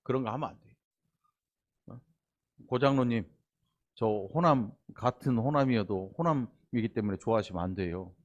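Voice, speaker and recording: A man's voice: mid-range voice, moderate pace, long pauses, highs cut off. A male pastor delivers a sermon in a folksy, playful way. He keeps stopping to quiz and tease the people in the pews. He sounds middle-aged. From Honam region of Korea. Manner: folksy, teasing the congregation with asides and questions.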